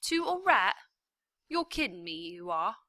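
Woman doing a gruff rough-spoken prisoner. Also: medium pitch, a little slow, dry recording, studio quality. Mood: incredulous. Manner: rough, blunt, louder delivery.

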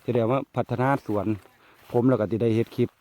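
A man with an Isan accent giving a casual tour of his farm outdoors, chatting warmly to viewers as brothers and sisters. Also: mid-range voice, steady tone, fast. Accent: Isan (Northeast Thai). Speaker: farmer vlogger.

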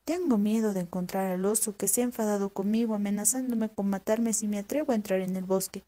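Woman doing a sly old farmer guy in a kids tale, calm plain voice, mellow. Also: medium pitch, fast talker, natural voice. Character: cunning old male peasant farmer.

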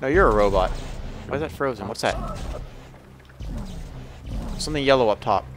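A man's voice: mid-range voice, lively intonation, moderate pace, background noise. A man hosting a gaming channel, joking playfully through casual let's-play commentary.

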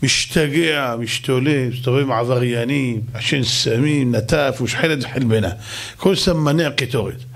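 A man, a rabbi, delivering a sermon in animated, dramatic, colloquial storytelling. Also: medium pitch, vocal fry. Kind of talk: sermon with acted stories.

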